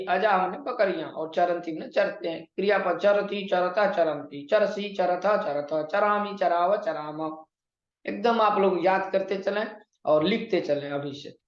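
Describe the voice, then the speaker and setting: A man teaching a Sanskrit exam-prep class online, spelling words out slowly and putting questions to his students before he answers them. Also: sits high. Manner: slow, drawn-out enunciation of words; explains in Hindi with questions to students. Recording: roomy, dull lo-fi sound.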